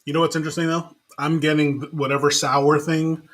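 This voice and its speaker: A man co-hosting a whiskey tasting livestream, trading quick banter and short quips. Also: a little high, little pitch movement, fairly bright tone. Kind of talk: casual chat.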